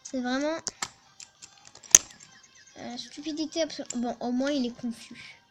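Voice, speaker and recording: A woman giving casual, excitable let's play commentary, chatting to her team and swearing at opponents. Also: sits high, measured pace, loud music behind the voice.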